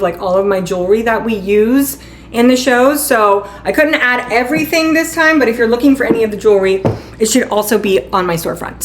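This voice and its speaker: A woman hosting a live shopping stream in a bubbly, chatty way, calling viewers sweetheart and honey. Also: fairly high pitch. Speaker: livestream shopping host. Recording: echoey room, faint background noise.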